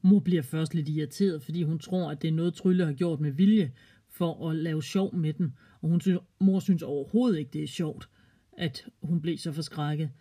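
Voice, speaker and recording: A storyteller narrating a children's story in a calm, gently expressive way. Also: medium pitch.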